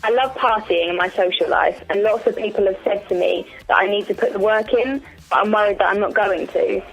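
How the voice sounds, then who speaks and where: Young caller on a phone voicemail, hesitant and worried, mid pitch. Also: female voice, brisk, creaky. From Kent, England. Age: young adult. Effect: voicemail message played over a phone line. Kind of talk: recorded question to a radio show.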